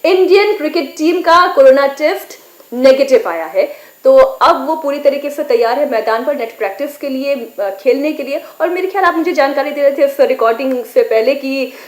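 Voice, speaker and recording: High-voiced woman news anchor, echoey room. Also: lively intonation, normal speed.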